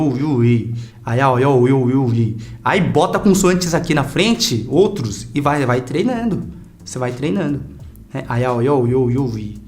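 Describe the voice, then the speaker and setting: A man teaching a casual online language lesson, chatty and lively, drilling sounds for learners to repeat. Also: on the high side.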